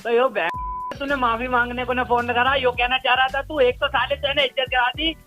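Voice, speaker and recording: Brief: a high-voiced man on a phone call, indignant and scolding. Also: level tone, moderate pace, bright, forceful tone, soft background music. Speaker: prank call victim.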